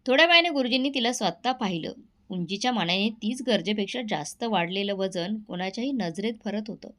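A woman narrating a scripted moral story in a measured, expressive reading voice. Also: medium pitch.

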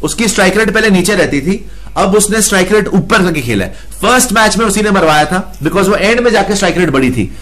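A man's voice: high-pitched, fairly bright tone. A man hosting a casual cricket discussion, blunt and mocking in his banter. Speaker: cricket show host.

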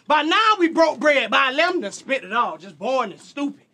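A man with a Southern US country accent performing aggressive battle rap, shouting his bars at a live event. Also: very high-pitched, very animated, normal speed. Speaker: battle rapper.

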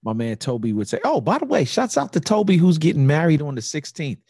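A man co-hosting a podcast in casual chat, relaxed and slangy, often dropping "you know what I'm saying.". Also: fairly high pitch, brisk, breathy edge, dry recording, clean studio sound. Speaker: podcast co-host.

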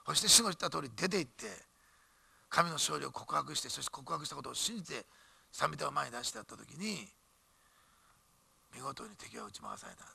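A man delivers an animated, emphatic church sermon at a quick clip. His voice is bright and gravelly with a husky edge, and the recording is dry and close. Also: on the high side, dry recording. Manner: animated, emphatic preaching with jokes and asides. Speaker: pastor.

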